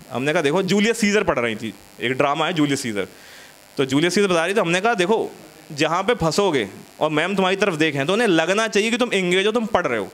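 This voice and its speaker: A man's voice: high-pitched, a bit bright. A male stand-up comedian telling school and marriage stories in a chatty way, bantering with the audience from a small studio stage.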